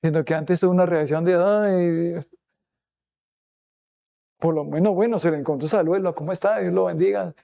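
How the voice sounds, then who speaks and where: High-voiced gravelly pastor preaching. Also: male voice, fast talker, few pauses, mellow. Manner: asks the congregation rhetorical questions; acts out quoted speech in changed voices. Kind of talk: sermon.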